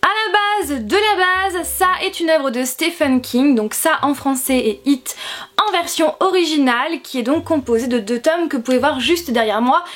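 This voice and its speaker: A woman's voice: high-pitched, normal speed. A woman giving an emphatic, chatty video film review, her voice slightly nasal and congested from a sore throat. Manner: emphatic, repeats words for stress.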